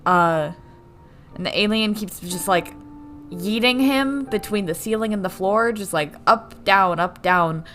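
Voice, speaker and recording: A woman's voice: medium pitch, a little slow. Sarcastic woman recapping a movie. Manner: sarcastic, swears freely, animated. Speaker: podcast co-host. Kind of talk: casual movie recap chat.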